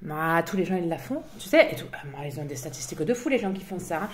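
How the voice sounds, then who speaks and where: Fast-talking, cooing, over-familiar, ditzy fake energy healer played by a woman, comedy sketch. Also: on the low side, big pitch swings, voice pushed down. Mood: gossipy.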